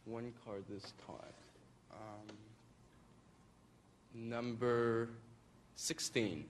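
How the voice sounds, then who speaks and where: A man's voice: medium pitch, flat delivery, extremely slow, a little hiss or hum. A young man speaking as a game show contestant, making brief choices in a television studio. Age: young adult.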